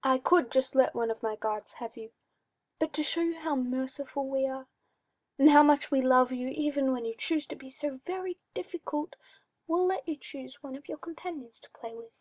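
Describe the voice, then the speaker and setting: A woman reader voices a cruel, possessive male magister, crooning with sly mock tenderness and drawn-out words in a tone of cooing menace. Her voice sits high with a darkish tone, close to how she normally speaks. The recording is dry and close, with no echo.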